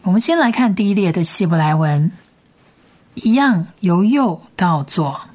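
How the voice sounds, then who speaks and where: A woman teaching a recorded language lesson in a patient way, repeating each sound slowly and carefully. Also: lowish voice, animated, darkish tone. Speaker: Hebrew teacher.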